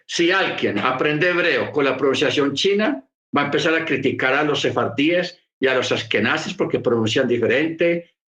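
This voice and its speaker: A man's voice: mid-range voice, a bit bright, roomy sound. A man preaching a sermon, explaining patiently and repeating key phrases for emphasis. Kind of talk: sermon teaching.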